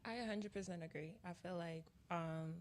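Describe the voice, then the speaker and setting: A young woman in her twenties with a lower voice speaks softly but firmly on a podcast. There is faint noise behind her. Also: moderate pace. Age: 20s. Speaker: podcast guest.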